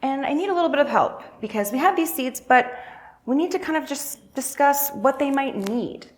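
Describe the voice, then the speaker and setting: A church faith and justice coordinator, this woman speaks in a high-pitched voice with lively intonation at normal speed. Her interactive talk for all ages is informal and encouraging, and she prompts listeners with questions.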